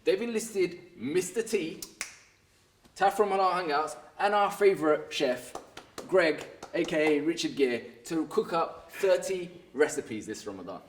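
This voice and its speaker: A man's voice: fairly high pitch, animated, measured pace. A man presenting a cooking show in an upbeat, jokey way, introducing the chef and urging him on. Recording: echoey room.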